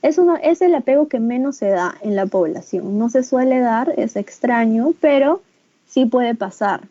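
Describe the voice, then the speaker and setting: A Peruvian woman with a warm, somewhat high voice gives a teacher training lecture over a video call. She explains at an even pace and often checks in with her listeners. Her sound is dry and slightly muffled. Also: normal speed, dry recording. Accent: Peruvian Spanish. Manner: explanatory, with frequent "¿no?" tag questions; acts out caregiver phrases in a higher, livelier voice.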